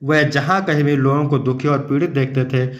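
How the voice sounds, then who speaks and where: A man's voice: mid-range voice, fairly even intonation, moderate pace, dull audio. Man teaching, echoey room. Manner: addresses students affectionately, reads verses then explains them. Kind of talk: exam-prep lecture.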